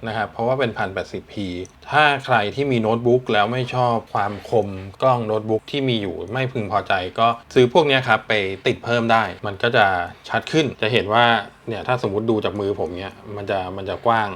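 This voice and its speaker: A man's voice: on the low side, fast, hardly any pauses, a bit bright. Male tech reviewer, casual, explains step by step with fillers.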